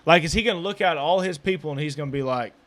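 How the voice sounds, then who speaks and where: A man's voice: fairly high pitch, fast talker, fairly bright tone, no echo. A man hosting a casual podcast chat who talks hesitantly, stumbling and repeating his words as he questions his co-host, recorded in a small building.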